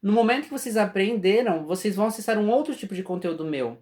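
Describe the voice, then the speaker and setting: A man's voice: high-pitched, lively intonation, quick pace, a little mellow. A man with a Brazilian Portuguese accent giving a casual spiritual class, talking conversationally and often checking that his listeners follow. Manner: conversational, often asks "entende?". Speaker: spiritual teacher.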